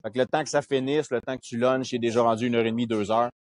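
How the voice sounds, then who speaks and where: A podcast guest from Quebec, speaking with a Québécois French accent, talks very fast in a mid-range voice with no echo. He shares travel anecdotes in a casual chat, an animated storyteller who acts out bits of dialogue.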